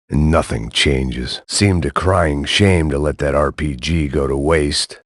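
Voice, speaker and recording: A world-weary, hard-drinking middle-aged ex-cop antihero narrates a noir video game in bleak, sardonic deadpan. His extremely low voice is husky and gravelly, recorded dry and close with no room sound at all.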